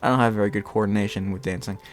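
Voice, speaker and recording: A man chatting casually and telling a personal story in a rambling, animated way, often interrupting himself and re-enacting bits of dialogue. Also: lowish voice, racing. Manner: often laughs while talking. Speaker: storyteller recounting own experience.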